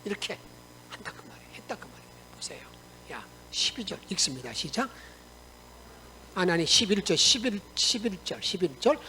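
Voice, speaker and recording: A male pastor preaches with a lively, high-pitched voice, acting out the characters' angry words and questioning his listeners as he goes. A faint hum sits beneath him. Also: a little fast, long pauses, low-quality recording. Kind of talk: lively Sunday sermon. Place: church sanctuary.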